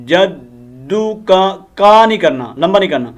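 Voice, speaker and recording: A man teaching prayer recitation, slowly drilling Arabic words and correcting common mistakes. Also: high-pitched. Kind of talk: Urdu recitation lesson.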